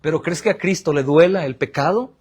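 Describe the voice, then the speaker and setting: High-voiced Mexican pastor preaching. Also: male voice, fairly quick, darkish tone. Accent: Mexican Spanish. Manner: preaching with rhetorical questions and answers; addresses the congregation as brothers. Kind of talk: sermon.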